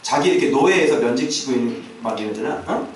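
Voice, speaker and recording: A man's voice: high-pitched, very animated, normal speed. A male pastor preaching a sermon, talking to the congregation with constant rhetorical questions and casual asides. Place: church sanctuary. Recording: very echoey church hall, mic far off.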